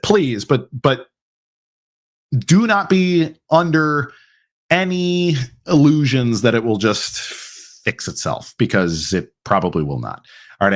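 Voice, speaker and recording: Casual talkative male livestream host. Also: medium pitch. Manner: casual, filler-heavy, mock-quotes opponents.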